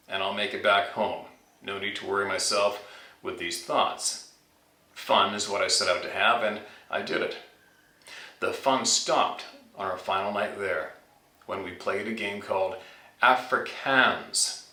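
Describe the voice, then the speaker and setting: A man who hosts a channel informally reads out and discusses a scary story sent in by a listener. His lowish voice sounds pushed and bright, and he's distant from the mic in a roomy, echoing space.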